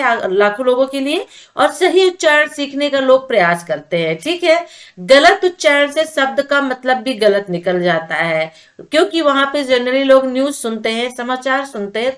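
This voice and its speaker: A woman's voice: high-pitched, fairly bright tone. A woman teaching an exam-prep lecture, explaining step by step and checking in with the listener as she goes. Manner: explanatory, repeats points with "ठीक है".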